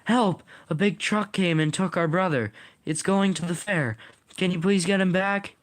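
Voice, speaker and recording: A man doing a high, panicked little brother creature. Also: fairly even intonation, moderate pace, lightly acted. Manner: pleading, high and urgent.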